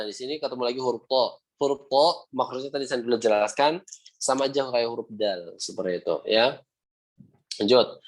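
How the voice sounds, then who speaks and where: A young adult man teaching Quran recitation, patiently repeating sounds slowly and ending phrases with "ya". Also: mid-range voice. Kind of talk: online class instruction with recitation examples.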